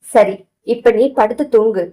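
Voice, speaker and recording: A woman's voice: on the high side, steady tone, measured pace, warm tone, natural voice, low-quality recording. Woman voicing a brusque young husband. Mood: soothing. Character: young man, brusque but caring husband. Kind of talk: audio novel reading.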